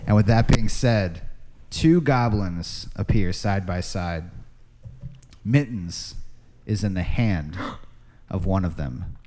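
A deep-voiced man runs a tabletop role-playing game. He narrates as game master, improvising scenes deliberately and with pauses. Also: expressive, background noise.

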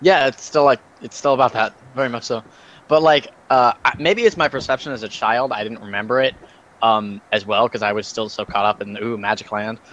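A man co-hosting a casual podcast, dry and teasing, tossing in profanity. He talks at a middle pitch for a man. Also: fairly quick, a bit bright, dull audio, a little hiss or hum. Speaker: podcast co-host. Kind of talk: casual chat.

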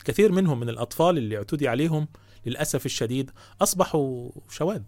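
An Egyptian man with a high voice delivers indignant religious commentary at a rapid clip. He scolds his listeners with rhetorical questions. The sound is dry and close. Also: no echo. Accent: Egyptian Arabic. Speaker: host taking calls.

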